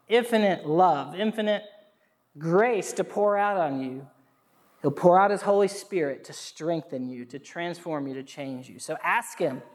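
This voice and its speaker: A woman preaching a sermon, earnest, telling stories and calling on the congregation to answer. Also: mid-range voice. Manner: earnest, warm storytelling with congregation call-and-response. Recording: long reverb of a hall.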